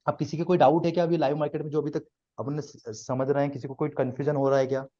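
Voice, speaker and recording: A man's voice: on the high side, level tone, fast, warm tone, lo-fi sound. A man teaching a live trading class to students, explaining step by step and often checking that they follow.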